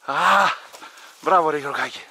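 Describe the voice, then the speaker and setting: A man out hunting in dense countryside, shouting commands and praise to his dogs while filming his hunt. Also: a little high, a little hiss or hum. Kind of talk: outdoor hunting vlog, calling to his dogs.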